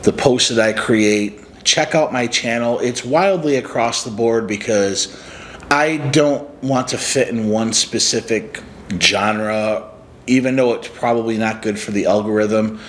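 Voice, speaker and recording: His voice sits on the low side, with a little hiss or hum in the recording. A forties-aged life coach and channel host from upstate New York, he talks casually and earnestly to a close camera from a couch in a small room, in a reflective, motivational way.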